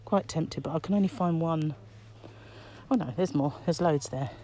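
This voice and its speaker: A woman's voice: sits low, normal speed, mellow. A middle-aged British woman chats casually while shopping, musing aloud, her voice muffled by a face mask. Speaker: crochet vlogger. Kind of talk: casual shopping vlog, chatty commentary. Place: inside a shop aisle. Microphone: handheld phone, behind the camera. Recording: background noise, shop ambience.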